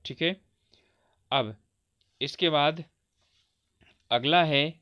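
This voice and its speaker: A male teacher giving an exam-prep grammar lesson, explaining step by step and asking questions that he answers himself, each answer dropping lower and softer. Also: extremely slow, muffled recording.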